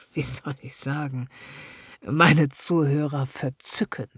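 A woman voicing a smooth-talking male hypnotist who speaks slowly and coaxingly, often close to a whisper. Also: low-pitched, no echo, full character voice. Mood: smooth persuasive. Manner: slow, soft and coaxing, often near a whisper.

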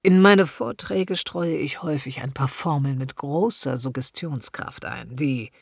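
A woman voicing a smooth-talking male hypnotist who speaks slowly and coaxingly, often close to a whisper. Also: deep voice, dry recording, heavily acted. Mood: smooth persuasive. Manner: slow, soft and coaxing, often near a whisper.

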